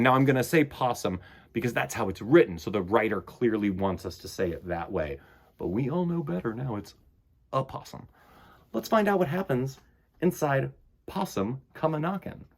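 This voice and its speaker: Hosting a children's storytime, a man with a mid-range voice chats with his young listeners and reads aloud in a playful, animated way.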